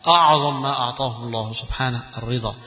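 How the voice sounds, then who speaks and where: A man's voice: medium pitch, steady tone, racing, pushed and bright. A man with an Egyptian accent teaching a religious lesson on Quran readings, repeating phrases in an emphatic, recited cadence. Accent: Egyptian Arabic. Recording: echoey hall with faint music.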